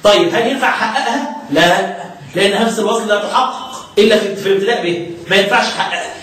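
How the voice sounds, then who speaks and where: A man with an Egyptian accent teaching a religious lesson, chanting verses slowly and then explaining them in colloquial speech with questions to his students. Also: sits high, fairly bright tone. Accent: Egyptian Arabic. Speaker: Quran recitation teacher. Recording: very echoey room, mic far off.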